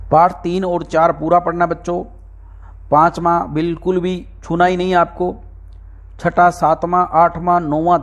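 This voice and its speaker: A middle-aged exam-prep teacher with a slightly high voice goes through a textbook index chapter by chapter with his students. He calls them his dear children and repeats every point for emphasis.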